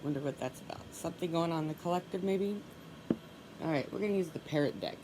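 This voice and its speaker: Speaking quickly yet calmly, a low-voiced woman with a blocked nose reads tarot on her own, softly repeating her requests as she draws each card. A steady hiss sits under everything.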